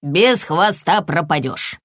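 A woman's voice: fairly low pitch, expressive, takes it slowly, a bit bright, no room sound, studio quality. A woman voicing a stern, wise male woodpecker in a storybook, with a firm, lecturing manner.

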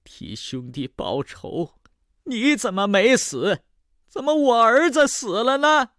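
A male storyteller voicing an old mother who has lost her son, with shrill, wailing bursts. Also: animated, slow, gravelly, no echo, studio quality, full character voice. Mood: enraged wailing. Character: grieving furious old mother of fallen son.

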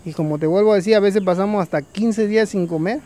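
Man doing a sorrowful male vulture, folk tale, patient, high gravelly voice. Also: a little fast, a little mellow.

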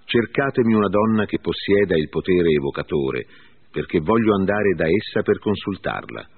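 Guy reading as a desperate ancient king, deep and lo-fi. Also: lively intonation, normal speed, gravelly, slightly rough, full character voice. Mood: pleading. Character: Saul, troubled fearful ancient king. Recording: phone-like lo-fi with faint music.

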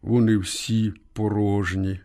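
A man doing a gruff old railwayman. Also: on the low side, little pitch movement, slow pace, mellow, pitched below the performer's own voice. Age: older. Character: old male railway trackman, gruff, helpful.

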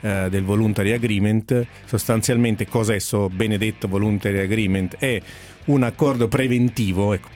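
A man with a fairly low voice gives casual sports commentary on the radio. Faint music plays underneath him. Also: fairly even intonation, normal speed, a little mellow.

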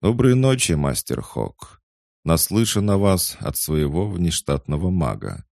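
A man's voice: low voice, sing-song, measured pace, creaky, a little mellow, no room sound, clean studio sound, voice pushed up, exaggerated voice. A man voicing an unruffled, polite man who sounds a little mocking. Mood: courteous. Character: unruffled man, courteous and slyly evasive.

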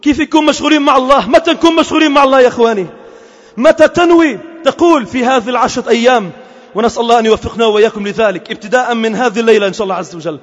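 A man delivers a fervent Friday sermon, pressing his points and climbing to shouted calls. His voice is pitched very high. The sound rolls around a big, reverberant mosque hall. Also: very fast. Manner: impassioned, rising to shouted exhortation. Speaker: Friday preacher.

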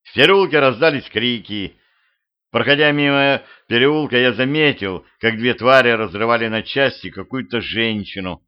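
A man narrates a first-person audiobook in a steady, measured voice of middling pitch. The home-made recording sounds muffled and lo-fi. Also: smooth.

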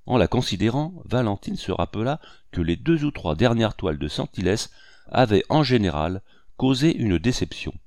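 A man giving a measured, even literary audiobook narration. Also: lowish voice, no echo, studio quality.

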